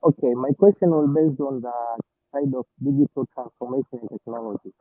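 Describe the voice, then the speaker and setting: A man's voice: mid-range voice, fairly quick, dry recording. A man from Tanzania speaks over a video call, putting his points in an earnest, formal list. The audio is thin and phone-like, with a completely dry sound. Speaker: online meeting participant asking a question.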